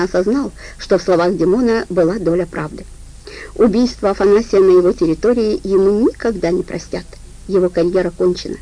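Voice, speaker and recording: Gravelly woman reading a crime audiobook. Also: medium pitch, warm tone, poor audio. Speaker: audiobook narrator. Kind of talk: scripted audiobook narration.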